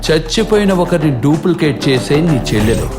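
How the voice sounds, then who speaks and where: A wisecracking priest. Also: male voice, fairly high pitch, very animated, over music. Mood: sarcastic. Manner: fast wisecracking retorts. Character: sarcastic middle-aged male priest, impatient. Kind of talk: dubbed film comedy dialogue. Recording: film dub with background score.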